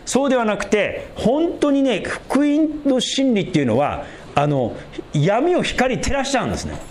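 A male pastor giving an emphatic, animated sermon. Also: extremely high pitch, normal speed, slight background noise.

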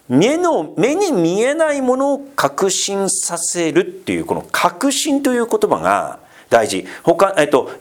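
Animated, chatty male preacher. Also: mid-range voice. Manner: chatty, asks the congregation questions and teases them; many fillers and asides. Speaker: pastor. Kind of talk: casual conversational sermon.

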